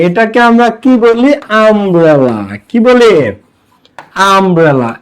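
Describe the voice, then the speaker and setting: A young Bangladeshi man with a Bangladeshi accent, teaching an English grammar class online, asking his students questions and answering them himself. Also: high voice.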